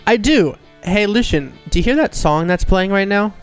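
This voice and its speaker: A man co-hosting a comedy podcast in upbeat, casual chat, often pausing with fillers. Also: high voice, lively intonation, smooth, faint music behind. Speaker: podcast co-host.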